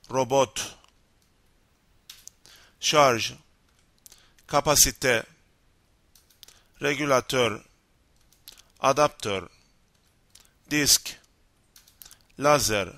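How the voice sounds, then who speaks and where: Slow bright-voiced Turkish-accented male teacher. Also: mid-range voice, no echo. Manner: slow and deliberate, reading word lists one by one. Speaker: language teacher. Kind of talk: reading out a vocabulary lesson.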